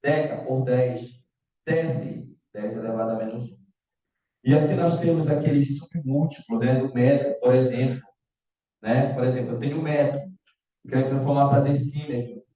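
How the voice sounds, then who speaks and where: A man's voice: medium pitch, steady tone, moderate pace, mellow. Casual man teaching math in an echoey room. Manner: casual, checks in often with the students. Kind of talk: online exam-prep lecture. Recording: echoey, distant, dull lo-fi room sound.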